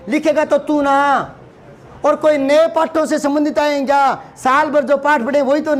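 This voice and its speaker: A man teaching a lesson to students, scolding and asking rhetorical questions, often repeating words for emphasis. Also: very high voice. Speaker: Hindi teacher.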